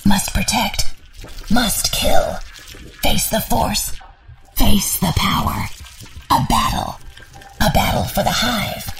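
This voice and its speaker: Gravelly alien hive queen. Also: medium pitch, fairly even intonation, fairly bright tone, distant mic, low-quality recording. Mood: desperate, dying. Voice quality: gravelly, creaking hiss. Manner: slow, halting clipped phrases. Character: menacing alien insect hive queen, ruthless, fiercely maternal. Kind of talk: dramatic sci-fi audio monologue.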